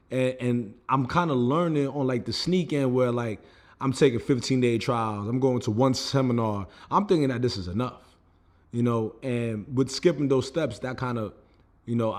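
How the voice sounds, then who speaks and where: A young man from the United States vlogs about his own setbacks, his medium-pitched voice carrying a darkish tone. He tells the story loosely and casually, peppered with "like" and "you know what I mean."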